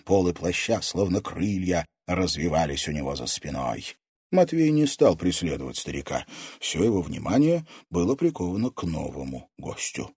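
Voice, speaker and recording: Low, husky male storyteller. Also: sing-song, normal speed, darkish tone, no room sound, clean studio sound. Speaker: audiobook narrator. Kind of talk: scripted narration.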